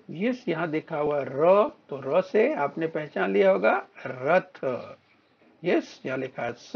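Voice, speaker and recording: Slow-talking guy teacher, kinda husky, reads words out for little kids, muffled lo-fi sound. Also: sits high. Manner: slow, drawn-out word-by-word reading for children to repeat. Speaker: primary school teacher. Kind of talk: recorded Hindi lesson for young children.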